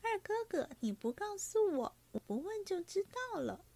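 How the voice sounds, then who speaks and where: A woman reading aloud and voicing a witty young noblewoman who teases in a high, sly voice. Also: very animated, moderate pace, creaky, no room sound, exaggerated voice. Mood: teasing.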